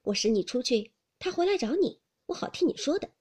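A woman voicing a capable, commanding young mistress who gives brisk orders in a breathy voice. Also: high-pitched, sing-song, darkish tone, exaggerated voice. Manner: brisk, bossy, quick orders.

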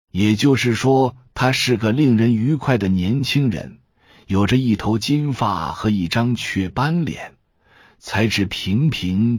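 Male audiobook narrator, low, husky, slow, dry close sound. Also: a little mellow, no echo.

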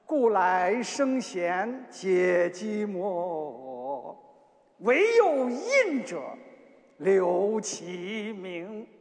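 A man with a Shaanxi accent recites classical poetry theatrically, his voice extremely high and swooping widely in pitch. He declaims in drawn-out phrases. The sound rings with long hall reverb. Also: sing-song. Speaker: poetry performer.

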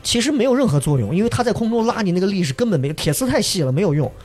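A man telling a dramatic story in casual chat, acting out shouts and sounds. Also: high voice, very animated, racing. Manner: acts out shouts and quoted voices, imitates sounds. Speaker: storyteller guest.

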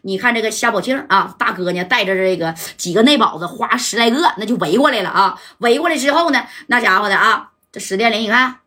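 A woman telling a lively, colloquial gangster story full of spoken sound effects. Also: medium pitch, fast, hardly any pauses. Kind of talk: lively oral crime storytelling.

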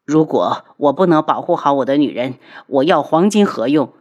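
A woman's voice: normal speed, dull audio. A woman voicing a heartbroken, pleading young nobleman. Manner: low, subdued and pleading.

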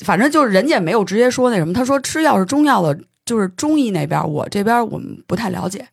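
A host tells a long story in casual studio chat, words tumbling out quickly and sometimes stammering. The voice is husky and breathy. The sound is dry and close to the mic. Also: mid-range voice, no echo. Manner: animated storytelling, stammers when excited. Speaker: podcast host.

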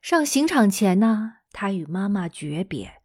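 A female teacher telling a story to children in a lively, chatty way, speaking straight to her young listeners. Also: mid-range voice, a little slow, breathy edge.

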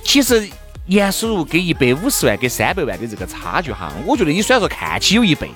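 A man's voice: on the high side, huge pitch swings, quick pace, fairly bright tone, soft background music. A man with a Sichuan accent co-hosting a talk show, chatting casually and animatedly in colloquial dialect, with exclamations and emphatic repetition. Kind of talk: animated casual chat for listeners.

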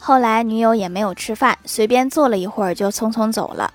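Female comic storyteller, bright and playful, wry asides. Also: fairly high pitch, fairly quick, faint music behind. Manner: lively, switches voices for quoted characters, laughing asides. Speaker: joke narrator. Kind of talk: storytelling funny anecdotes with quick asides.

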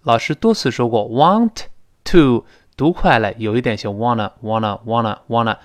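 Man, Mandarin Chinese accent, English teacher, mid pitch, patient explanations, slow modelled phrases. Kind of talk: spoken English lesson.

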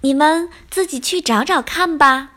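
A woman voicing a kind, calm mother duck who talks slowly and soothingly. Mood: gentle. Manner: slow, low and soothing.

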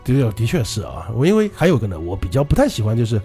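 A man's voice: medium pitch, wildly swooping pitch, quick pace, warm tone, soft background music. A man co-hosting a podcast, retelling listener horror stories in a chatty, loose way and laughing often. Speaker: podcast co-host.

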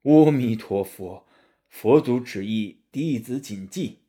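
A man voicing a stern, gentle monk master who speaks slowly and solemnly. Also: lively intonation. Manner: slow and solemn, low and soft.

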